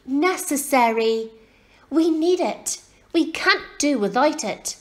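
A woman's voice: high voice, expressive, slow, pitched above the performer's own voice. A woman voicing a bold, proud, know-it-all little schoolgirl in a storybook, pert and assertive. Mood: proud, assured.

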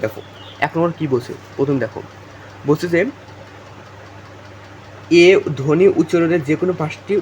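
Young male tutor, very fast delivery, slightly raised voice, repeats points to students, faint hiss. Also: fairly high pitch. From Bangladesh. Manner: repetitive, addresses students directly, many fillers. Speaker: exam tutor. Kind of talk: informal exam-prep lesson.

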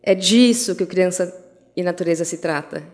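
A middle-aged Brazilian woman giving an opening speech, telling stories about her daughters with lively acted-out voices and many restarts. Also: lowish voice, normal speed. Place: event hall. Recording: long hall reverb.

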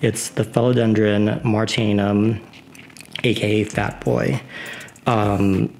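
A man's voice: lowish voice, vocal fry, low-quality recording. A man giving a casual tour of his houseplants at home, rambling with lots of fillers. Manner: relaxed, unhurried. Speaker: plant vlogger.

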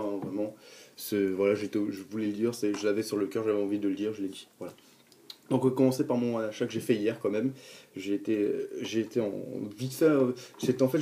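A man's voice: on the low side, mellow, slight background noise. An eighteen-year-old man vlogging casually, rambling with many restarts, fillers and aggrieved asides.

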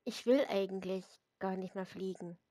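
A woman voicing a tired, evasive teenage schoolgirl with quiet, reluctant replies, in a read-aloud story. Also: mid-range voice, moderate pace, dry recording, lightly acted. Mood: subdued.

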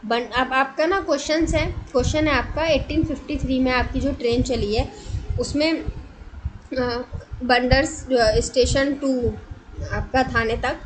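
A woman's voice: high-pitched, fairly even intonation, a little slow, a little hiss or hum, poor audio. A woman giving an explanatory online coaching lecture, addressing students directly, asking them questions and mixing English words into her talk. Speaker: exam coaching teacher.

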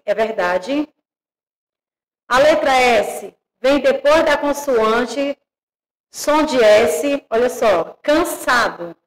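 A woman teacher giving an online grammar lesson to young children, speaking slowly and clearly and calling them affectionate names. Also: high voice, long reverb tail, poor audio. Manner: slow and clearly articulated; warm, addresses children as "my loves". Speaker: primary school teacher.

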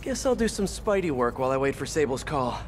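A man's voice: mid-range voice, sing-song, slight background noise, close to an everyday voice. A man voicing a wisecracking young male superhero in a video game, chatty and joking. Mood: quippy. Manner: joking, chatty, quick banter. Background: game music.

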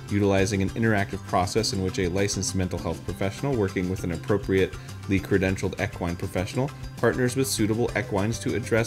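A man giving loose, profane live commentary over a game he is playing, often breaking into loud, high yelps of excitement. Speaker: streamer.

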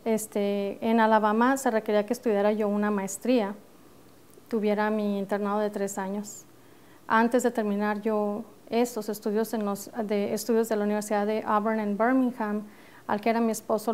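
Speaking on a TV studio set through a lapel microphone, a middle-aged Mexican woman who works as an architect recounts her story with spirited resolve. Her medium-pitched voice has a northern Mexican accent with some American influence from her time in the US.

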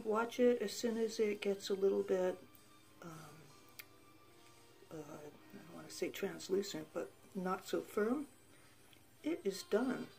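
A woman's voice: mid-range voice, creaky. A woman hosting a home cooking show, chatting casually to the camera as she tastes her food. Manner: relaxed, chatty, tasting food while talking.

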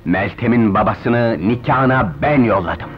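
An actor playing a villain who slowly and tauntingly gloats over his revenge on a rival, in 1970s dubbed-film style. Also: lowish voice, animated. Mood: gloating. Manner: slow, taunting. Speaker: film character. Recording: dull old film soundtrack with music.

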